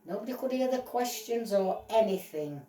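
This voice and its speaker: A woman voicing a stern TV judge who lectures slowly in a playful toy-play story. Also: medium pitch, expressive, mellow, distant mic, close to an everyday voice. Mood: scolding. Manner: slow, lecturing, drawn out. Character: stern slow-talking TV judge. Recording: roomy echo, voice off-mic.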